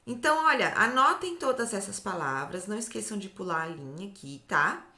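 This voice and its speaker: Bright, lively Brazilian teacher woman. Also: mid-range voice, reverberant. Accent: Brazilian Portuguese. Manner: slow, drawn-out syllables, often ends with "tá?". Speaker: literacy teacher. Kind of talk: slow, clear phonics lesson for children.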